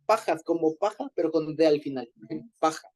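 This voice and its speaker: A man's voice: a little high, a little fast, darkish tone. A man leading an informal group Bible study, explaining Hebrew words in a conversational way and often rephrasing himself.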